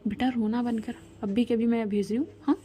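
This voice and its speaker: A woman's voice: a little high, steady tone, a little fast, mellow, close to an everyday voice. A woman voicing a worried middle-aged mother who asks anxious questions over a phone call, in a storytelling voice.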